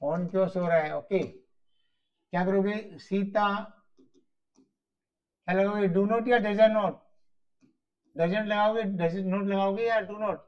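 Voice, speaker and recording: A man teaching grammar in a Hindi-mix, explaining slowly and repetitively, asking and answering his own questions. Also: high voice. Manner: mixes Hindi and English. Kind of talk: classroom-style grammar lesson. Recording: dull lo-fi recording.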